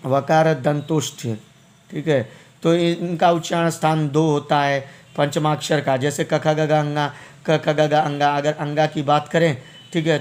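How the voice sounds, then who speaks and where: A man teaching an exam-prep lesson, explaining step by step, repeating terms and drawing out vowel sounds. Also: on the high side.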